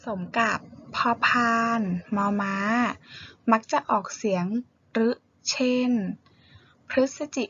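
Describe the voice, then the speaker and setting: Female teacher, slow and deliberate, slight vocal fry, dull lo-fi sound. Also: mid-range voice, fairly bright tone, slight background noise. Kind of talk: classroom lesson on reading aloud. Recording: dull lo-fi recording.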